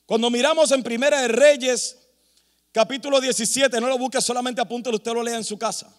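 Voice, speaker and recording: A man's voice: extremely high pitch, fairly even intonation, a little fast, big-room sound. A man preaching a sermon with emphasis, rhetorical questions and humorous asides. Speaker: pastor.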